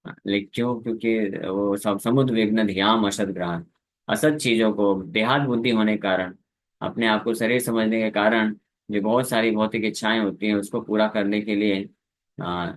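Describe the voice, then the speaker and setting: This preacher's voice is on the low side and even in tone. He explains Sanskrit verses in Hindi peppered with English during a scripture lecture, now and then pausing his talk to sing a verse slowly.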